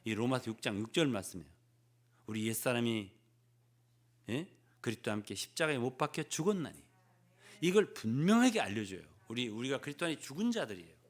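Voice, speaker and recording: An older man preaching a sermon as pastor, often prodding the congregation with a questioning "eh?" and swinging between loud emphasis and hushed asides. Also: medium pitch, very animated, a little fast. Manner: peppers phrases with prodding "예?" to the congregation.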